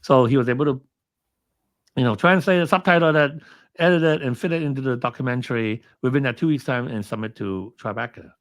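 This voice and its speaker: In a dry recording, a Hong Kong man who comments on film speaks as an interview guest, fairly quickly and in a mid-range voice. He tells his story casually and rambles, stumbling into fillers and restarts.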